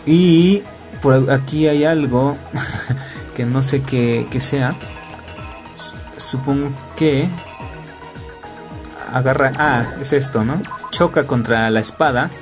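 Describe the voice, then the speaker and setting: A man's voice: medium pitch, takes it slowly, long pauses, soft background music. Chatty Mexican man narrating gameplay. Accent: Mexican Spanish. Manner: joking, chatty, full of fillers and tag questions. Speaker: gameplay commentator. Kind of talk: casual gameplay commentary. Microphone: laptop recording.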